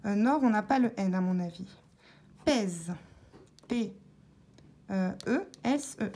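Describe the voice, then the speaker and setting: Slow, methodical woman spelling letters. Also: medium pitch, expressive, dark tone. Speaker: scratch-card vlogger. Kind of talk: casual narration while scratching tickets. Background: scratching sounds.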